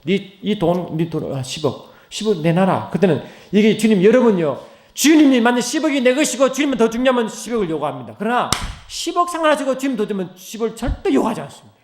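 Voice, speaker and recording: A middle-aged man preaching a sermon as pastor. He swings between loud, high, rising calls and low, hushed asides, and keeps asking the congregation questions. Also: very animated, quick pace. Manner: asks the congregation many questions. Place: church sanctuary. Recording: roomy church echo.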